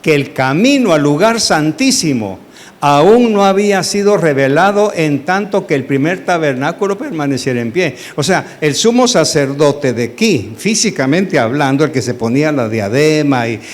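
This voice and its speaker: A man, a pastor teaching a Bible study sermon, asking the congregation questions and acting out dialogue. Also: on the high side. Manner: animated, asks the congregation questions, acts out dialogue.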